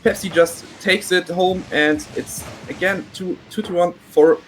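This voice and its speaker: A man giving color commentary on a live esports match, analysing plays in a halting way. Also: high voice, steady tone, a little hiss or hum, low-quality recording. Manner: halting, analytical, many fillers and restarts.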